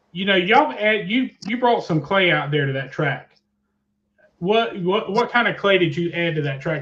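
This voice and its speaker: A man's voice: sits high, fairly bright tone. A man hosting a casual motorsport interview in a chatty, folksy way. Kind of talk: casual interview, truck and tractor pull talk. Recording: dull lo-fi audio with noise and clicks.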